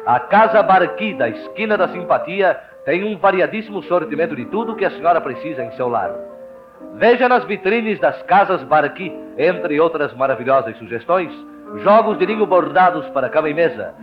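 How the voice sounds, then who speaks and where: A slightly high-voiced man with a Brazilian Portuguese accent reads a radio commercial, formal and persuasive. The recording is dull and lo-fi, with faint music behind him. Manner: persuasive, formal sales pitch. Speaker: radio announcer. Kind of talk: read radio advertisement.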